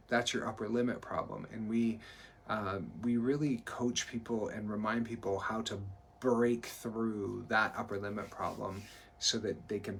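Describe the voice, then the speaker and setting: A man's voice: fairly low pitch, gravelly, a bit bright, slight background noise. A man co-hosting a live stream as a performance coach, talking earnestly and encouragingly, often restarting his sentences. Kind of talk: motivational live-stream talk.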